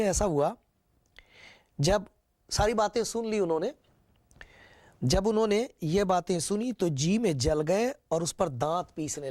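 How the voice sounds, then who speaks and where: A man preaching a sermon, retelling scripture with repetition and rhetorical questions. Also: sits high.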